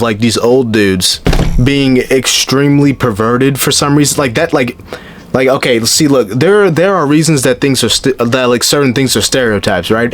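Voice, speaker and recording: A man's voice: medium pitch, a little hiss or hum. Rambling, exasperated man reacting to clips. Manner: rambling, filler-heavy, profane and exasperated. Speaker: reaction video host. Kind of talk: casual reaction commentary.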